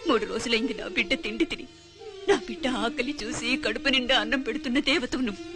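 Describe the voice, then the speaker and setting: A woman's voice: a little high, lively intonation, normal speed, lightly acted. A woman playing a poor mother, tearful and pleading, over film music. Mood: anguished. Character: destitute young mother selling her son. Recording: film soundtrack with loud music.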